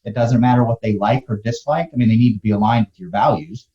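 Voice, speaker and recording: A man's voice: medium pitch, fast, dark tone, dull audio. A man talking casually as a business guest in a conversation.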